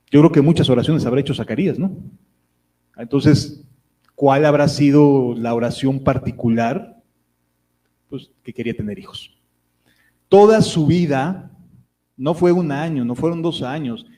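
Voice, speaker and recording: A man's voice: a little high, mellow, low-quality recording. A man preaching a sermon, reading Bible verses aloud and explaining them in a conversational way, with fillers.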